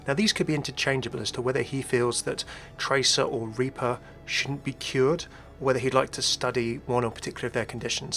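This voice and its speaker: Speaking in a mid-range, fairly bright voice, this host delivers scripted-sounding commentary on video game lore. He speculates out loud and addresses viewers through chatty asides.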